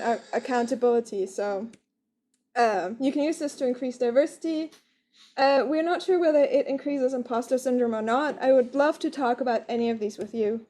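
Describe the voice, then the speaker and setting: Female conference speaker, high voice, hurrying informally through a short tech demo. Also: mellow. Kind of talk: informal lightning talk with software demo.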